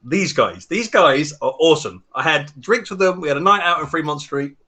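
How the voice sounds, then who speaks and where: A podcast guest who mines bitcoin at home and builds hardware chats casually about home mining, upbeat and self-mocking. Born in Texas and raised in London from age eleven, he has a South London accent. His voice is on the high side, expressive, pushed and bright, at a moderate pace.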